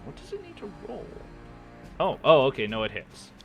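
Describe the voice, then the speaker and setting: A man's voice: a little high, huge pitch swings, normal speed, gravelly, a bit bright. Man running a tabletop game over music. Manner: hesitant, checks rules aloud with many uhs. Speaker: game master.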